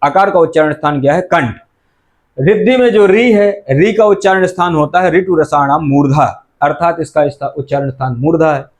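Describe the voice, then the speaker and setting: A middle-aged man teaching Sanskrit grammar, asking questions and answering them himself and repeating the key terms. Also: high-pitched. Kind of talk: explanatory lecture.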